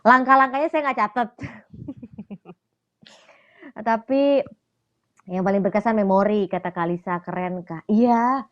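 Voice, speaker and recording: A woman's voice: medium pitch, unhurried, pauses often. Woman hosting a chatty live stream, lo-fi. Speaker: ministry host. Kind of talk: casual live-stream chat.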